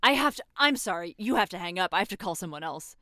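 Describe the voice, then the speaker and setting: A young woman acting a guilt-ridden former soldier who confesses by phone, talking haltingly, swearing, and sliding toward panic. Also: lowish voice, fairly bright tone, no room sound, studio quality, lightly acted. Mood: panicked. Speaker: caller confessing to a priest. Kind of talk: audio drama acting.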